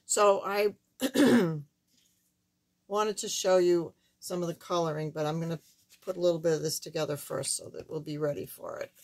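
An older woman with a thin, squeaky, slightly hoarse voice, giving a casual, halting card-making demonstration. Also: steady tone, darkish tone. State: hoarse while recovering from surgery. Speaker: craft tutorial host. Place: indoors at a wooden craft table, camera overhead.

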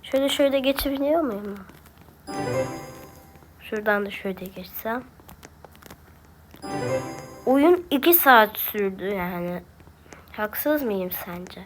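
A woman's voice: fairly high pitch, lively intonation, a little slow, long pauses, over music. A woman with a Turkish accent, talking to herself and grumbling while she plays a video game. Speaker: gameplay streamer. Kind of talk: casual gaming commentary.

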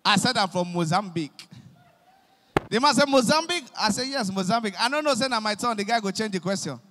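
A young man with a Nigerian accent doing animated stand-up comedy in Pidgin, acting out his characters, on a handheld mic on a concert stage. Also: high-pitched, fast. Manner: animated storytelling, acting out police and pastors. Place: large concert stage with live audience. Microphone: handheld microphone. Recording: long reverb of a large hall.

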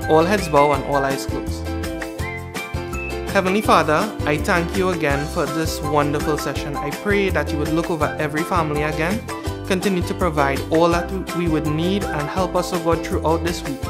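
A young man hosting a children's Sunday school session and leading a prayer, calm and friendly. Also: fairly high pitch, moderate pace. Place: studio with green screen. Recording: music playing underneath.

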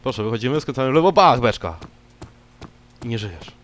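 A man's voice: mid-range voice, brisk. Joking young man playing a game. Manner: jokey, talks to game characters, bursts into loud excited yelps. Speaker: gameplay commentator. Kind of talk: casual let's-play commentary. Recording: old mic with clear background noise.

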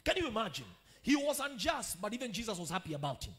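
High, lively Kenyan preacher. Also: male voice, quick pace. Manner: swings from quiet teaching to shouted declarations, calls for amen. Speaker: pastor. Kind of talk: sermon.

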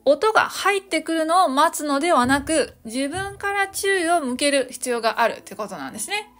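Woman, high pitch, cheerful podcast English teacher, slow model phrases, faint music behind. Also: lively intonation. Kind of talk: solo podcast English lesson. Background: soft background music.

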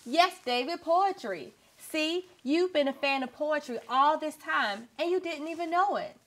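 Actress as high singsong encouraging kids' show teacher. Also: female voice, a little slow, a bit bright. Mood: upbeat, teaching. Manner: broad singsong kids' theatre delivery. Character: cheerful, encouraging woman poetry teacher, Miss Kim. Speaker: teacher, show's star. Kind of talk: scripted children's show acting. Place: indoor TV studio set, light music behind.

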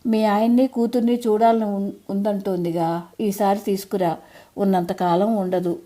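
A woman reading an audio story, voicing a kindly, easygoing neighbour who speaks in a soft, reassuring way. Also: medium pitch, flat delivery, normal speed, close to an everyday voice.

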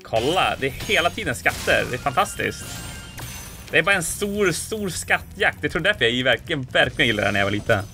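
Excitable man playing a game. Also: fairly high pitch, soft background music. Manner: excitable, exclaiming, playful sound effects. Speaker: let's player. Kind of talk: casual gameplay commentary.

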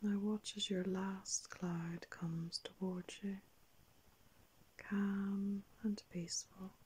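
An older woman narrating a guided meditation like a sleep story, in a soft, breathy whisper, calm and unhurried with long pauses. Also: mid-range voice. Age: older, around 60s. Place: small indoor room.

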